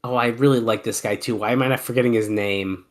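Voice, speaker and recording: At a quick pace and medium pitch, a man fighting a cold narrates an old wrestling match for a podcast. It's casual play-by-play, loosely mixed with joking back and forth with his co-host.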